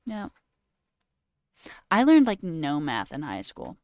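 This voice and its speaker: Smooth-voiced woman rambling on a stream. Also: low voice, huge pitch swings, slow pace, darkish tone, no room sound, studio quality. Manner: rambling, tangent-prone storytelling; swears casually, says "like" often. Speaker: livestreamer. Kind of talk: casual chat with live chat. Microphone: headphones with a cord.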